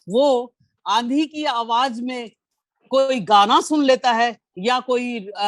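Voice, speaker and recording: A woman's voice: mid-range voice, no echo. A woman giving an effusive spoken critique of poems at a poetry session, exclaiming and quoting lines with feeling, over a video call.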